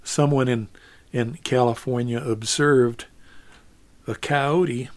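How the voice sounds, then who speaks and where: A man telling a story in an unhurried, easygoing way, often repeating words as he gathers his thoughts. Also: medium pitch, darkish tone. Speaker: storyteller and singer.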